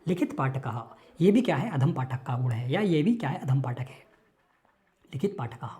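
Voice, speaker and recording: A woman teaching Sanskrit in an online lecture, explaining a text slowly, repeating terms and checking that listeners follow. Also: extremely low pitch, lively intonation, dark tone.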